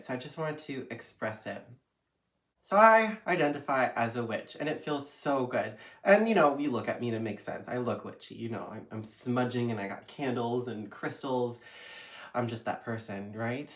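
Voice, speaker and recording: A man's voice: medium pitch, fairly bright tone. A man with a stuffy, cold-clogged voice, talking casually to camera from a guest room and tossing in frequent "right?" questions. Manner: chatty, frequent "right?" and "you know" tag questions. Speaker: vlogger. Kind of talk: casual direct-to-camera chat. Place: his mother's guest room, indoors.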